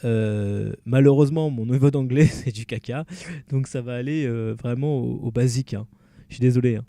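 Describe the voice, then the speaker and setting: A man's voice: mid-range voice, steady tone, moderate pace, warm tone, no room sound, clean studio sound. A man giving casual let's-play commentary at home at night, rambling and joking about himself, with many fillers and restarts. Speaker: gamer playing through a game. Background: faint background music.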